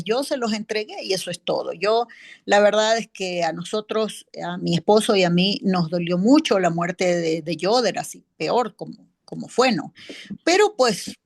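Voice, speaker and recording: A woman's voice: medium pitch, close to an everyday voice. A woman playing a witness in a mock trial, a neighbor and accountant who answers in a rambling way full of fillers and tag questions. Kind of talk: courtroom role-play, answering questions.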